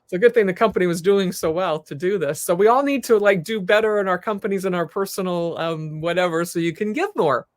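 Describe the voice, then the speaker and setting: A woman's voice: fairly low pitch, fast talker, hardly any pauses, no room sound. A woman hosting a podcast interview, adding short, encouraging takeaways for her listeners. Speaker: podcast host. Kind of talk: interview chat.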